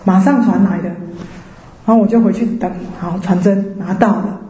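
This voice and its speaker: A Taiwanese woman with a Taiwanese Mandarin accent shares her personal faith testimony in a lively, storytelling way, slipping into the voices of the people she quotes. Her voice is mellow and dark-toned. The recording sounds roomy and a little dull. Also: medium pitch, normal speed. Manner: lively storyteller who acts out quoted voices and laughs often. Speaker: church member giving testimony.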